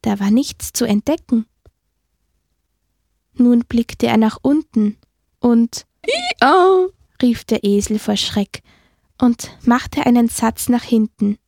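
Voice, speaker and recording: A woman gently narrating a children's Christmas story in a slow, storytelling manner. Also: a little high, steady tone, vocal fry, no room sound, studio quality.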